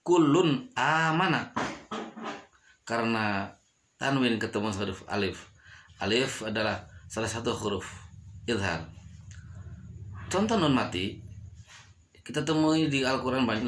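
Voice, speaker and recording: A man's voice: medium pitch, a bit bright, slight background noise. A man teaching Quran recitation rules, drawing out and repeating each recited example word. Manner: slow, drawn-out demonstrations of recited words, repeating each example. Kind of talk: tajwid lesson.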